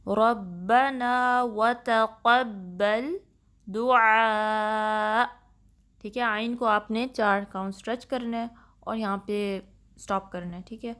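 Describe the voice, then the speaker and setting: A woman's voice: mid-range voice, steady tone, fairly bright tone. A woman teaching a step-by-step recitation lesson, patiently explaining pronunciation and mixing English terms into her speech. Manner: patient, instructive, mixes English terms into Urdu.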